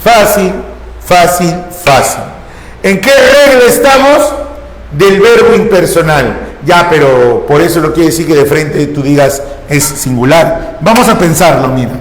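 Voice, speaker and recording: Man teacher, high voice, prods the class with questions, long classroom reverb. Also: expressive, a little slow. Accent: Peruvian Spanish. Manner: questioning, coaxing students with repeated prompts. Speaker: language teacher. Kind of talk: classroom grammar lesson.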